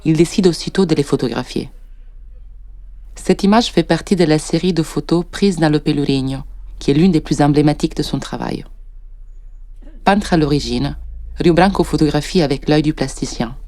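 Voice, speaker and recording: Male narrator, slightly high, mellow tone, measured art-documentary read, dry close mic. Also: no room sound. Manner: measured, descriptive art commentary.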